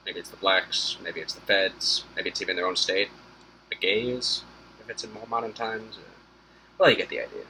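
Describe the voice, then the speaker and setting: A man's voice: fairly low pitch, bright, forceful tone, a little hiss or hum, poor audio. A man hosting a casual history commentary, sarcastic and rambling, with swearing asides. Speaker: host.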